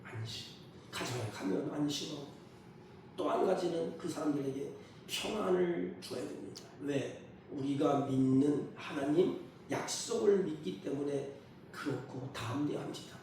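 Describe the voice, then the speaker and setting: A man's voice: a little high, unhurried, a little mellow, a little hiss or hum. A male pastor preaching a sermon, emphatic, often putting questions to his congregation. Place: church sanctuary. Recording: echoey hall from far off.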